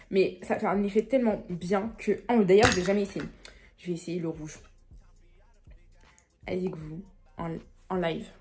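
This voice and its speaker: A woman, chatting casually to camera in a vlog, talking quickly with many fillers. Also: medium pitch, warm tone. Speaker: vlogger.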